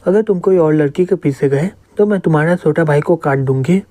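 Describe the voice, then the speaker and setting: A man's voice: fairly high pitch, brisk, mellow, lightly acted. A man voicing a bossy, possessive young woman who scolds her partner.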